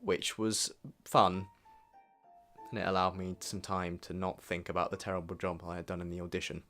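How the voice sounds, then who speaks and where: Over background music, a young adult vlogger narrates his year in review from a script. He speaks at a moderate pace in a low, slightly bright voice with a flat delivery.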